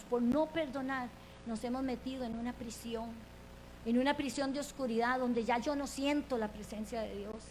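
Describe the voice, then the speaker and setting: A woman's voice: slight background noise, rough recording. A woman preaching a sermon, acting out quoted characters and asking the congregation direct questions. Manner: impassioned, acts out quoted characters with rising pitch.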